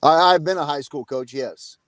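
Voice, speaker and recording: A man's voice: fairly high pitch, moderate pace, fairly bright tone, no echo. A man in his fifties, a college basketball coach, answering interview questions casually over a video call, with many fillers. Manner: many uh fillers, plain-spoken.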